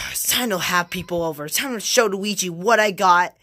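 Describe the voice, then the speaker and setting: A woman voicing an eager plumber hero who rambles excitedly to himself in a homemade plush toy skit. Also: fairly low pitch, normal speed, no echo, studio quality. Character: eager plumber hero, a grown man who loves snacks.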